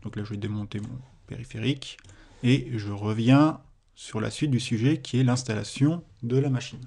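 A man's voice: mid-range voice, normal speed, creaky, dark tone, slightly rough. A man with a French accent, explaining a computing exercise in a screen-recorded tutorial, with hesitations and self-corrections. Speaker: teacher.

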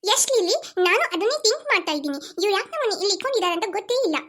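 A woman's voice: extremely high pitch, sing-song, very fast, a bit bright, heavily acted. Cheeky bossy cartoon girl. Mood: bold. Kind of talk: cartoon voice acting. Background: music.

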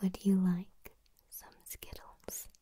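A young woman gives an ASMR whispered role-play in a soft bedside voice. Her whisper is breathy and dark, unhurried and soothing. She sits very close to the microphone. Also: fairly low pitch, completely flat delivery. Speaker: ASMR host leading vocal warm-ups. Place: small room at home, indoors. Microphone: close to the mic, leaning in.

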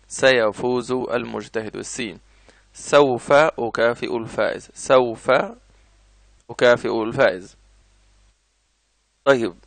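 A man's voice: mid-range voice, fairly bright tone, no echo. A man with an Egyptian Arabic accent teaching grammar, repeating each example and answering his own questions. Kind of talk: explanatory lesson.

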